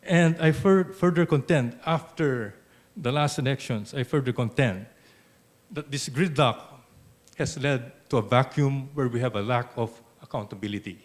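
Older Filipino man giving a lecture. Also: medium pitch. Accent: Filipino English. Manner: measured, peppered with "okay", dry sarcasm. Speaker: economics lecturer. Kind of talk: academic lecture. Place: auditorium.

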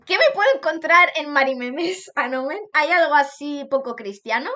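A young Spanish woman with a high, bright-sounding voice chats live with her stream audience. She sounds bubbly, repeats herself, laughs often and slips into sing-song bursts. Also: lively intonation, moderate pace. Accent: Spanish, from Spain. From Spain. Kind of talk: live stream chat, reacting to fan art.

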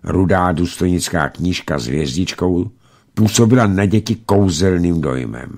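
A man reading a novel aloud in a measured, expressive storytelling manner for radio. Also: deep voice. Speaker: narrator.

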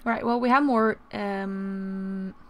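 A woman's voice: medium pitch, steady tone, slow, a bit bright. A woman giving casual gameplay commentary as a let's play host, musing and thinking aloud. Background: game music.

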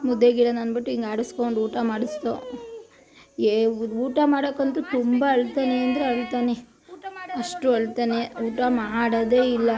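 A woman from Karnataka casually narrating a cooking vlog in her home kitchen, chatty and homely, repeating her phrases. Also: on the high side. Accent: Kannada, Karnataka. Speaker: vlogger.

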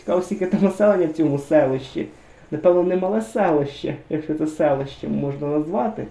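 A man's voice: on the high side, quick pace, creaky, dark tone. A man giving casual, chatty commentary over a driving game, musing aloud and talking straight to his viewers. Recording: roomy echo.

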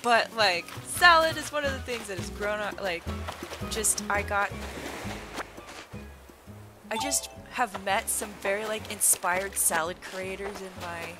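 A woman's voice: mid-range voice, measured pace, long pauses. A woman streaming a game, chatting casually and bubbly, full of "like" fillers and little giggles. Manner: giggles often between sentences. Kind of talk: casual gameplay chat. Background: loud background music.

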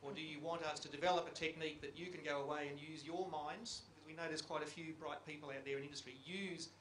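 Speaking into a handheld microphone in an echoey conference room with faint hiss, a middle-aged geological survey panelist offers reflective remarks and poses questions to the audience. His fairly high, fairly bright voice keeps a fairly even intonation at a quick pace.

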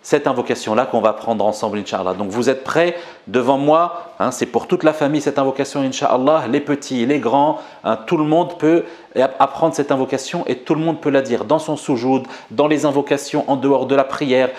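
A man teaching an Arabic lesson and drilling words slowly for viewers to repeat. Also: medium pitch, darkish tone. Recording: echoey room.

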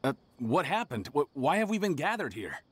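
A man's voice: on the high side, big pitch swings, moderate pace, slight background noise. An actor playing a skeptical, reluctant male villager in a video game, hesitant and a bit defensive.

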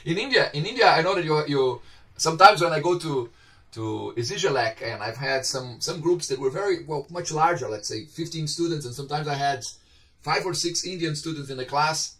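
A middle-aged man with a Brazilian Portuguese accent gives an informal university lecture online, his voice slightly high and fairly bright, with lively intonation at a normal pace. He keeps it conversational, gestures as he talks, and often stops to ask his students questions. He's in a home office lined with bookshelves, and the webcam on the video call makes the audio sound slightly distant.

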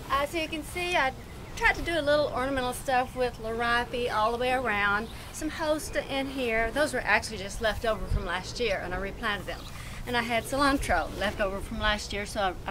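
A woman's voice: a little high, noisy background. A middle-aged woman hosting a home cooking show, explaining each step in a chatty, homey way. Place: home kitchen indoors, garden outdoors. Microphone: far camera. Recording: roomy, distant home video.

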